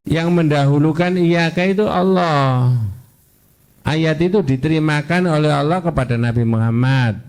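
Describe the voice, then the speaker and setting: An older man teaching a women's religious class in a mosque, quizzing listeners and reciting Arabic phrases slowly. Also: fairly high pitch, a little mellow, clear, resonant tone. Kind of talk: interactive religious lesson. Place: mosque hall.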